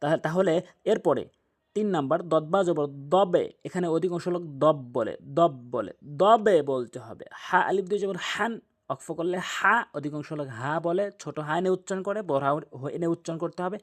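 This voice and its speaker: A man teaching a tajweed pronunciation lesson who demonstrates Arabic sounds slowly and repeats them for the listener. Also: on the high side, expressive. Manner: drawn-out Arabic recitation examples. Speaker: Quran recitation teacher.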